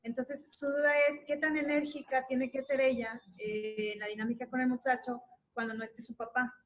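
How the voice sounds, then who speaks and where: A woman's voice: high-pitched, level tone, normal speed, faint music behind, poor audio. A woman moderating a question-and-answer session at a conference, polite and brief, formally addressing the speaker.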